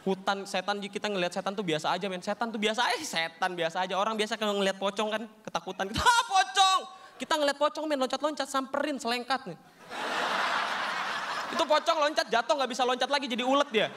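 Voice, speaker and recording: A young man doing a stand-up comedy set, telling stories in an animated, slangy way and acting out characters. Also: high voice, quick pace, very noisy. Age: young adult.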